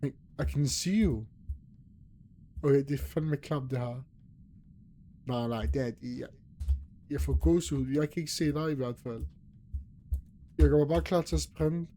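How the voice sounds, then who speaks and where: A man's voice: mid-range voice, long pauses, mellow, a little hiss or hum. A young man nervously commentating a horror game, talking to himself and his viewers as he gets scared. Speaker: gaming youtuber.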